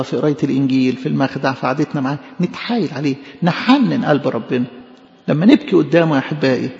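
A man's voice: on the high side, vocal fry, darkish tone. A man preaching a sermon in an Egyptian Arabic accent, impassioned and pleading, repeating phrases for emphasis. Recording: echoey hall, dull lo-fi sound.

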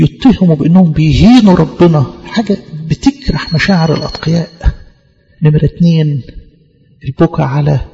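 A man with an Egyptian accent preaching a sermon in a church, fervent, repeating key phrases and slowing down for scripture quotes. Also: a little high, creaky, mellow, in a large hall, highs cut off. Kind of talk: Coptic Orthodox sermon in Egyptian Arabic.

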